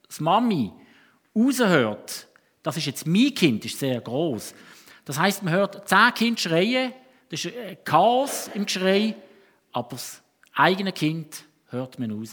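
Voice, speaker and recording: A man's voice: a little high, a bit bright. A man with a Swiss German accent preaching a sermon in a conversational, storytelling way, often breaking off and restarting.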